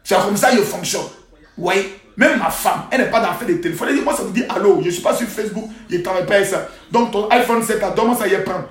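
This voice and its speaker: Man, high-pitched, preachy live-stream scold, phone mic in an echoey room. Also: quick pace. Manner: preachy, scolding rants with loud outbursts and sudden quiet asides. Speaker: livestream host. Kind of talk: live social-media monologue. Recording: roomy echo.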